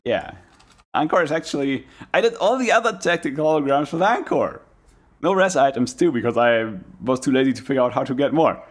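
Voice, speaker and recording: A man's voice: medium pitch, expressive, brisk. A man giving casual, rambling reaction commentary as a streamer, musing aloud and trailing off in asides.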